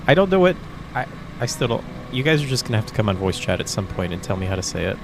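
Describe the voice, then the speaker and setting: A man chatting casually on his gaming livestream, rambling and confused, with frequent chuckles and throat clearing. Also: on the low side, sing-song, quick pace, noisy background. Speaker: livestream gamer. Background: soft background music.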